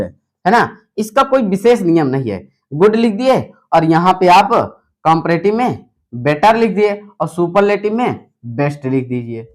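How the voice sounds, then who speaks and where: Young male tutor, high bright pitch, wide swings, quizzes the class and answers himself. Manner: repetitive, asks rhetorical questions then answers them. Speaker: English teacher. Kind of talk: whiteboard grammar lesson.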